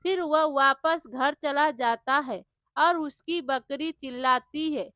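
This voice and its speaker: Slow, high-voiced woman storyteller. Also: sharp tone, no echo, clean studio sound. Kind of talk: storybook narration.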